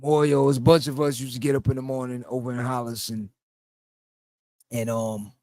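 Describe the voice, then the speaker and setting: A middle-aged podcast host with a New York accent tells stories casually, laughing as he goes and acting out the voices he quotes. His medium-pitched voice is a little mellow and flatly delivered at a normal speed, with no echo.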